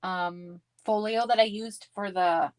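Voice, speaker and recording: A medium-pitched voice with fairly even intonation carries this woman's slow-paced speech. She hosts a craft stream with a Canadian accent, making giggly, rambling casual chat as she crafts.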